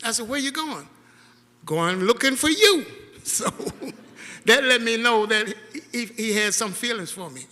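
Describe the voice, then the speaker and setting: A man giving a halting, heartfelt eulogy as the dead man's caregiver, laughing through tears in a church. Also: high voice, bright, forceful tone. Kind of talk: heartfelt memorial speech. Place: church hall. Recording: long church hall reverb.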